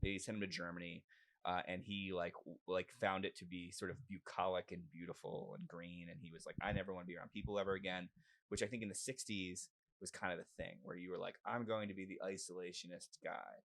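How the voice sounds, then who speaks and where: Man, middle-aged, low voice, American accent, casual chat, rambling, self-deprecating. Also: level tone, brisk, a bit bright. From West Virginia and southern Maryland, US. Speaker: interview guest.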